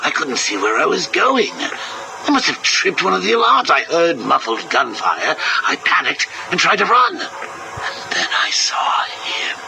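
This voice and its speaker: An actor playing a manic, mocking villain clown, heard played back from an old interview tape. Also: male voice, a little high, very animated, measured pace, gravelly, exaggerated voice. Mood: sardonic. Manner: sarcastic, sing-song, cackling. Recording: hissy cassette tape recording.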